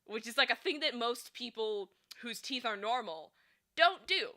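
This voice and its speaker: A woman's voice: fairly high pitch, lively intonation, moderate pace, sharp tone. A woman chatting casually on a live stream, rambling with lots of fillers and laughing often, and sometimes slipping into a slight lisp. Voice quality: slips into a slight lisp at times. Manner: rambling and giggly, many fillers.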